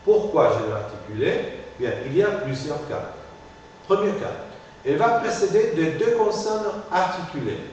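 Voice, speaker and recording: A man with a high, expressive, darkish voice lectures a phonetics class at a moderate pace. He explains step by step, checking in with "ok?" The recording is distant and echoey, with faint hiss.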